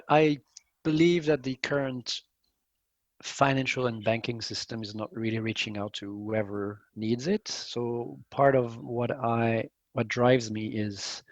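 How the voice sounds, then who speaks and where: A middle-aged man from Belgium, answering interview questions in a measured way and pausing often to find his words. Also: medium pitch, no echo, rough recording. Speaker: guest, company CEO.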